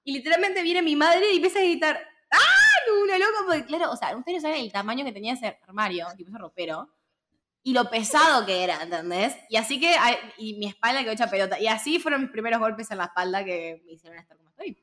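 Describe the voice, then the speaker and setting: Her voice sits fairly high and her pace is quick as she trades stories on the film podcast she co-hosts. She's in her twenties, speaks with a Rioplatense Spanish accent, and keeps things slangy, laughing through animated storytelling.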